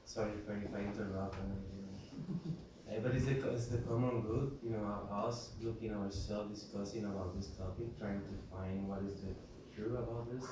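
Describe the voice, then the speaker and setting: A man sharing his thoughts in a group discussion, halting and searching for words with many restarts. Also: on the low side, steady tone. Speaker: workshop participant. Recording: echoey room, distant mic, background noise.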